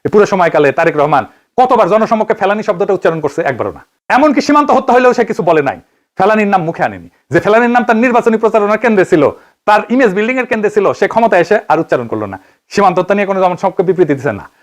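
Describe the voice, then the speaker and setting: A man's voice: high-pitched, big pitch swings, rapid-fire. A man from Bangladesh with a Bangladeshi Bengali accent, giving an investigative political commentary monologue, firing rhetorical questions and answering them himself.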